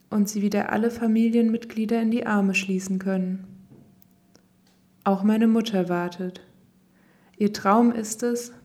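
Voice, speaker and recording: Female reader, warm mellow tone, calm reflective delivery of a written memoir. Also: mid-range voice. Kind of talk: scripted reading of a personal text.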